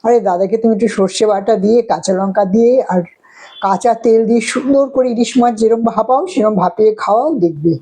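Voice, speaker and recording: A woman's voice: fairly high pitch, fast talker, warm tone, close to an everyday voice. A woman voicing a chatty middle-aged fish seller who keeps coaxing her customer to buy more. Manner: coaxing, persuasive bargaining.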